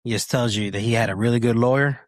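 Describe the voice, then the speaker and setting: A man's voice: mid-range voice, fast talker, no echo, clean studio sound. A man co-hosting a podcast, giving blunt, emphatic and opinionated commentary in casual chat. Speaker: podcast co-host.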